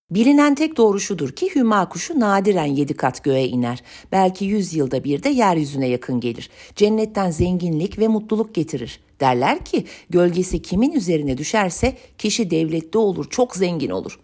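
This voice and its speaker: A woman voicing a sharp-tongued old village wise woman in a storybook reading, scolding and exclaiming in a folksy way. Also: on the low side.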